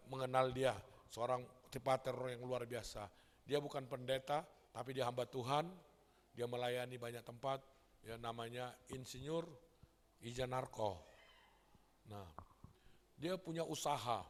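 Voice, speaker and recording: A male pastor preaching a lively Sunday sermon, acting out quoted voices and calling the congregation brothers and sisters. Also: mid-range voice. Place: large church hall. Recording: long church hall reverb.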